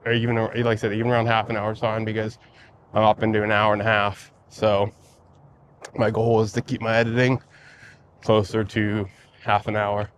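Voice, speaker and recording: A man talking casually to his vlog as he walks outdoors, musing and halting as he goes. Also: fairly low pitch, monotone. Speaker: vlogger. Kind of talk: casual walking vlog chat. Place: outdoors, walking by lakes in a neighborhood before sunrise. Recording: outdoor ambient noise while walking.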